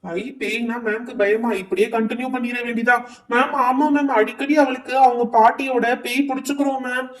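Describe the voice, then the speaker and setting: Meek pleading pupil, voiced by a woman, slightly high, roomy and off-mic. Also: fairly even intonation, brisk, few pauses, natural voice. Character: nervous schoolchild pupil. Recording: echoey room, distant mic.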